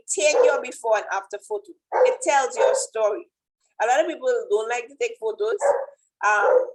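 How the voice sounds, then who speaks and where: Speaking as a fitness coach with a Trinidadian accent, a woman delivers an informal, motivational talk and keeps asking "right?" to check in. Her pitch is fairly high and a bit bright, captured in a rough recording.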